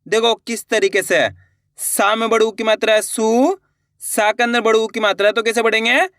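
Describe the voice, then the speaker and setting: A man's voice: high voice, fairly even intonation, moderate pace, fairly bright tone, dry recording, studio quality. A man teaching a reading lesson, sounding out each word syllable by syllable and stretching the long vowels, talking to viewers in an encouraging way. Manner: addresses viewers as friends, encouraging.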